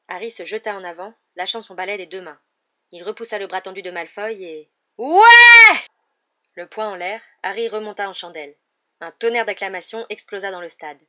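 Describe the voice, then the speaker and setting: Low-voiced woman reading a novel aloud. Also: lo-fi sound. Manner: lively storytelling reading. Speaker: audiobook narrator. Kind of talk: scripted narration of a novel.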